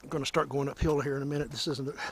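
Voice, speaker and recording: A man's voice: medium pitch, fairly even intonation, racing, a little hiss or hum. A man filming himself on a wooded trail, out of breath and chatting as he points things out along the way. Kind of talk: casual narration while hiking. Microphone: handheld camera.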